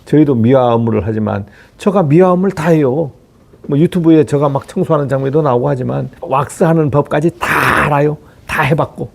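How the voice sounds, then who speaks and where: Middle-aged facilities chief, gravelly husky voice, blunt rhetorical lecture with swearing. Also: male voice, medium pitch, darkish tone. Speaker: facility management chief giving career advice. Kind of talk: motivational talk to viewers.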